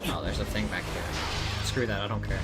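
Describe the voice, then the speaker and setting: A man's voice: on the low side, fairly even intonation, fairly quick. A man giving casual, joking gameplay commentary, sarcastic and sweary. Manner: sarcastic, profane. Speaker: gaming channel commentator. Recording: game music under commentary.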